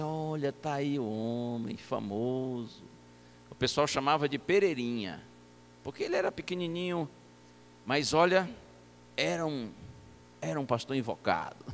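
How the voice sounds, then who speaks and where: A male pastor with a Brazilian Portuguese accent telling a story from the pulpit in an animated, playful way, acting out the voices. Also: on the high side, slight background noise. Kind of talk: storytelling sermon. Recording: echoey church hall.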